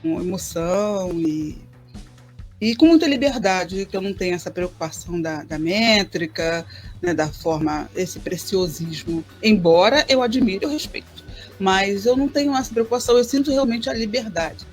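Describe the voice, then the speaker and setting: A woman's voice: mid-range voice, expressive, moderate pace, faint music behind. A woman, a poet and teacher, answering interview questions thoughtfully and repeating words as she finds them.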